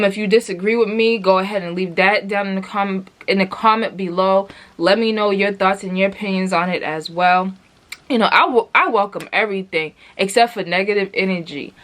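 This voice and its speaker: A woman's voice: medium pitch, fairly bright tone. Chatty woman reviewing a product. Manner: chatty, rambling, frequent fillers and restarts; addresses viewers directly, asks many questions. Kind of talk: casual product review vlog.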